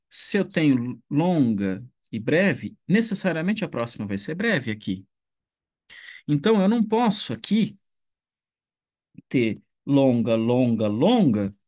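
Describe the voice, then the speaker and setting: A man teaching an online class, speaking slowly and thinking aloud, with frequent restarts and tag questions. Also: on the high side. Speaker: ancient Greek teacher. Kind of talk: online lecture.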